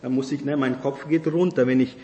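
A man's voice: mid-range voice, steady tone, a little fast, dark tone. Man preaching in an echoey hall. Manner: conversational preaching with frequent "ne?" tags. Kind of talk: sermon. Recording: echoey hall with long reverb.

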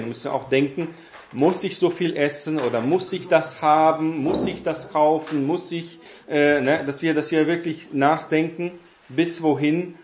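A man giving a Bible teaching talk in a halting way, with many fillers and tag questions. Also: a little high, darkish tone, echoey room, slight background noise. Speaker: preacher.

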